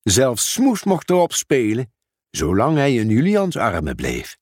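A man reading a children's storybook aloud in a measured, expressive way. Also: medium pitch, no echo, clean studio sound. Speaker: narrator.

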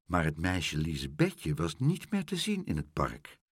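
Slow expressive male storyteller. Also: very deep voice, breathy edge, dry recording, clean studio sound. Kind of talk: reading a children's story aloud.

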